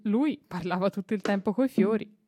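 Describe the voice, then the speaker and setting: A woman reading a children's novel aloud on radio, expressive and unhurried, with small slips and self-corrections. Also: mid-range voice, faint music behind. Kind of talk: storybook reading. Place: radio studio.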